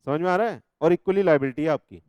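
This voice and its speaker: A male teacher with an Indian accent, his voice a bit higher than most men's and smooth and clear. He reads the law text slowly and then breaks into chatty, teasing asides, keeping on at his students about whether they follow. The sound is dry and close, with no room echo. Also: muffled recording. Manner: teasing, scolding students with repeated checks. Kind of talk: classroom law lecture.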